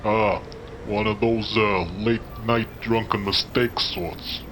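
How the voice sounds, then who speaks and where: A man's voice: lowish voice, flat delivery, slow pace, background noise. A man playing a chummy, dim but friendly street-tough doorman in a noir audio drama, talking in rambling slang. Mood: chatty. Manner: slangy, rambling wise-guy talk.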